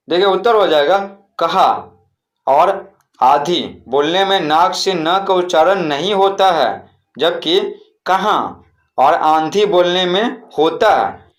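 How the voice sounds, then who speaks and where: A man, teaching a primary school textbook lesson and often repeating words with frequent check-ins. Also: on the high side.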